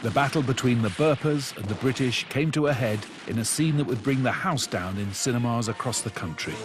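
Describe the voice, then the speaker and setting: A man narrates a documentary in a measured, scripted way. Music runs under his voice. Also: medium pitch.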